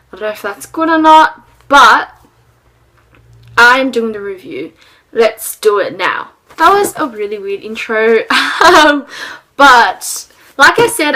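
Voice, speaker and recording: A young woman talks through a book review in a relaxed vlog style. Her voice sits a little high, and she rambles, filling pauses with ums and small laughs. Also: low-quality recording.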